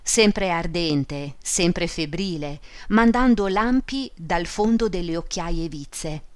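A woman narrates a classic novel in a measured, even way. Her voice sits low and sounds smooth and resonant. The reading is close and clean. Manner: measured, even storytelling delivery. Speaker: audiobook narrator.

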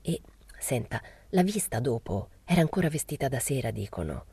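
A woman's voice: low voice, expressive, a little fast, warm tone, slightly rough, no echo. A woman voicing a gossipy fat old woman who pries furtively and drops into whispers. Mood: prying whispers.

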